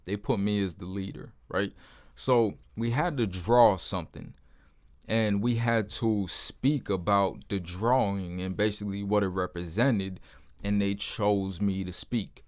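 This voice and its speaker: Speaking directly to his viewers, a man with a deep, low voice gives casual testimony to the camera at a measured pace. He's plain-spoken and blunt, his informal speech sprinkled with words like "man."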